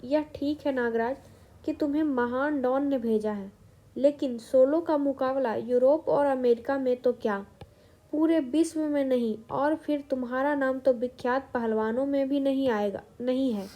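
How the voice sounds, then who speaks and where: A woman's voice: sits high, unhurried, dark tone. A woman voicing a proud adult male champion wrestler in a comic story, read plainly.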